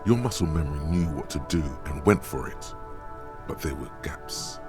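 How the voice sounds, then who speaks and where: An ominous voice of instinct inside someone's head in a video game. It is extremely low and delivers blunt judgments, with music clearly behind it. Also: male voice, animated, moderate pace. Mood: blunt, judging. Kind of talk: video game narration of inner thoughts.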